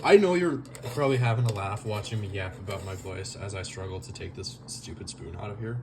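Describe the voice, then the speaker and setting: In his kitchen at home, a young man rambles through making a stew, padding his talk with fillers and poking fun at himself as he moves around the stove. He speaks a little fast in a lowish voice. Heavy background noise surrounds the camera mic, which he occasionally turns away from.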